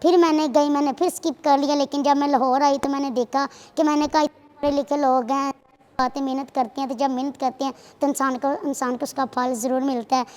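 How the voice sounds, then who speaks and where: High-voiced young woman. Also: level tone, a little fast, darkish tone. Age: 20s. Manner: earnest, chatty storytelling. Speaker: guest. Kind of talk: casual interview talk. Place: TV studio. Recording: long hall reverb.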